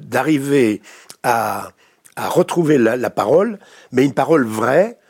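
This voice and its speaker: A French man with a French accent, a therapist speaking as a guest in an interview, reflective and pausing often to search for words. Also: mid-range voice, a little mellow, husky. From France. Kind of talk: studio interview.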